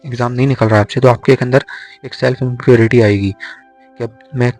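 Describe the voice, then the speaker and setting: A young man tutoring for an exam, slowly drilling memory tricks syllable by syllable. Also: mid-range voice, fairly even intonation, darkish tone, no room sound. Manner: slow repetitive drilling of syllables. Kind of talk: explaining Hindi poetics mnemonics. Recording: faint music behind.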